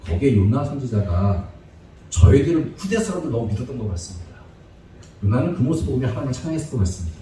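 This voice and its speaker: A man's voice: medium pitch, sing-song, fast talker, dark tone, slight background noise. A male preacher giving a humorous, chatty sermon lecture that breaks into frequent laughter. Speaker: evangelist preacher. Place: church sanctuary. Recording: echoey church hall, distant mic.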